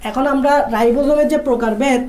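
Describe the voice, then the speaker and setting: A woman's voice: sits high, fast talker, warm tone, a little hiss or hum. A woman teacher giving a biology lesson to students, repeating key phrases and quizzing them. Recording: echoey room.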